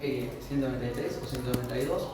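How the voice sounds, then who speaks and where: A man's voice: mid-range voice, steady tone, fast talker. A man with an Argentine accent giving a university law lecture, explaining step by step and often checking in with his class. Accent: Argentine Spanish. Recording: echoey room, far from the mic, with noise.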